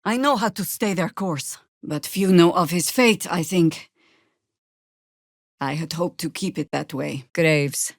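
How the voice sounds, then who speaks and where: In this video game character performance, a woman voices a wry, battle-worn, middle-aged druid, her phrasing sardonic, world-weary and deliberate. Her voice is lowish, and the recording is clean studio sound with no room sound.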